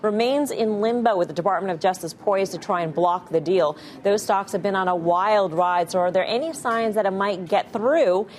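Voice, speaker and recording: A woman hosting a financial news show, briskly introducing the topic and leading the panel. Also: mid-range voice, slight background noise. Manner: brisk, leads the discussion. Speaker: show host. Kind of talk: news anchoring and panel moderation.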